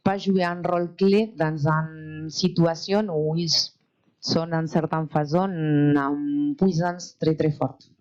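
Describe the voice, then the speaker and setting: A woman's voice: sits low, fairly even intonation, slow pace, dark tone, lo-fi sound. A woman who is not a native French speaker, with a foreign accent in French, hesitantly putting a question at a public panel. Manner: hesitant, non-native phrasing. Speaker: audience member asking a question, NGO worker.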